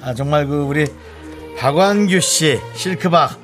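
Casual: high-pitched guy hosting live radio, jokey and loud with the kids. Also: unhurried, faint music behind. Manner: lively, teasing, shouts to children in the studio. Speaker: radio host. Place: radio studio with visiting children.

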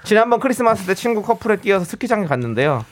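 A man's voice: high-pitched, big pitch swings, racing. A man hosting a radio show, reading out listener stories in a playful way. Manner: playful, slips into comic voices. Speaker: radio host.

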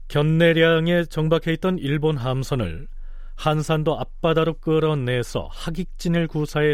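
A man's voice: a little high, clean tone, no echo, clean studio sound. A man hosting a history programme, explaining events in a storytelling narration.

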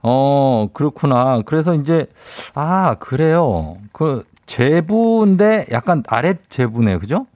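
Lively, playful male radio DJ. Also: medium pitch, slow, hardly any pauses, dry recording, clean studio sound. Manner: playful, teasing banter with a caller. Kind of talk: radio quiz show hosting.

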